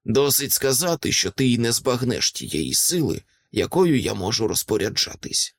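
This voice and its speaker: Male narrator playing a haughty, scornful dragon in human form, slow drawl, animated pitch, audiobook. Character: smug disdainful dragon in a small man's guise. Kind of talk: audiobook character reading.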